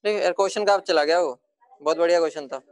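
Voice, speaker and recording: A man teaching a chemistry class, casual and repetitive, often telling students to be quiet. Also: a little high, very fast. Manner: chatty, repeats himself, hushes the class. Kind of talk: classroom lecture.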